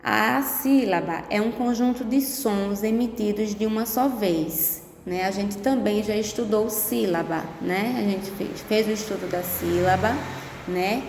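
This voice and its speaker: Woman, primary teacher, slow patient remote lesson; echoey room with long reverb. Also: medium pitch, creaky, a little mellow, a little hiss or hum. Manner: slow, patient, with frequent tag questions. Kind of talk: remote lesson to young pupils.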